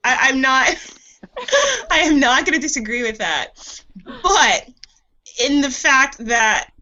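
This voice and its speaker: A woman's voice: high voice, sing-song, takes it slowly, sharp tone. A woman co-hosting a casual book podcast, giggling as she acts out quotes. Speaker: podcast co-host. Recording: slightly lo-fi podcast audio.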